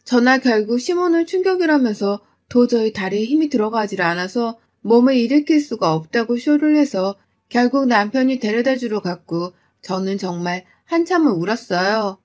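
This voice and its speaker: Brief: woman storyteller, somewhat high pitch, plaintive confessional narration. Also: animated, normal speed, darkish tone. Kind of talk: first-person story narration.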